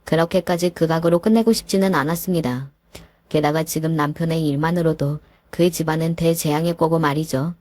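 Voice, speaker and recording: Calm woman narrator for a first-person story, low and mellow, dry close sound. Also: a little fast, no room sound. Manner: calm, matter-of-fact retelling.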